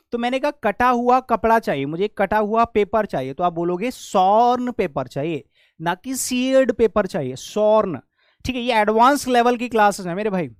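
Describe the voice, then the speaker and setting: A man's voice: sits high, no echo, studio quality. A man with an Indian accent teaching an English grammar lesson in Hindi, quizzing his students with repeated questions as he explains each word.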